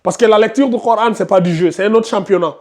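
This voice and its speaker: A man's voice: high voice, quick pace, dark tone. A man teaching a live tajwid class, questioning students by name and insisting they concentrate. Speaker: Quran recitation teacher.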